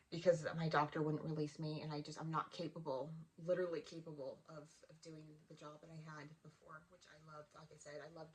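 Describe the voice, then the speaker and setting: 50 yr old woman vlogging, emotional, stops n restarts, low voice, sounds far from mic. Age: 50s. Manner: emotional, halting, with many restarts. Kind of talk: personal check-in vlog.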